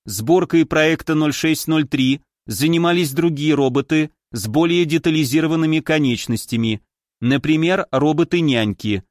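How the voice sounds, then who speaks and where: A man's voice: fairly high pitch, no echo, clean studio sound, close to an everyday voice. A man doing a cold, emotionless robot. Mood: cold, flat. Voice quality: measured, emotionless. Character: cold logical male robot.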